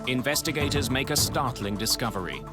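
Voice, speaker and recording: A man's voice: mid-range voice, expressive, a little fast. A man narrating an investigative news exposé from a script, building suspense in a dramatic way. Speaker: documentary narrator. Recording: loud music under the voice. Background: loud dramatic music.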